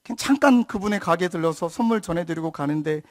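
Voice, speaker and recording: A pastor in his thirties preaches a sermon as a story, speaking fast and expressively in a high voice, then dropping to a soft hush whenever he quotes others.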